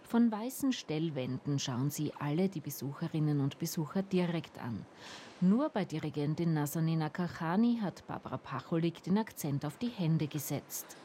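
A woman reading a radio feature report in an even, measured way. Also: sits low, a little hiss or hum. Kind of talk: scripted feature narration.

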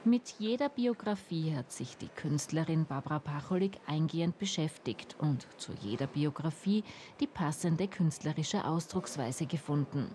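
A woman reading a radio feature report in an even, measured way. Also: low voice, a little hiss or hum. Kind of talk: scripted feature narration.

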